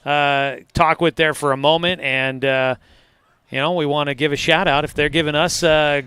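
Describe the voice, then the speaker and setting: A man announcing high school football on the radio, recapping the game from the press box with frequent fillers. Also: fairly even intonation, normal speed, sharp tone, clear, resonant tone, no echo. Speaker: play-by-play announcer. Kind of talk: radio sports commentary.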